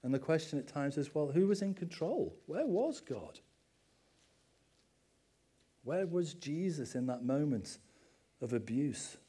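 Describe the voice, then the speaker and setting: A man's voice: a little high, very animated, measured pace, pauses often, dark tone, breathy edge. A middle-aged man, a pastor giving a conversational sermon with personal stories and self-deprecating asides.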